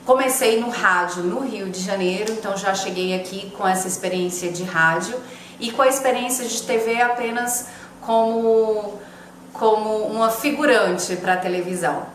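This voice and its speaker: A woman's voice: medium pitch, moderate pace. A woman in her forties from Fortaleza, a TV presenter, recounting her career in a conversational documentary interview. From Fortaleza, Brazil. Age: 40s. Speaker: TV presenter and former reporter. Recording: echoey room, faint hiss.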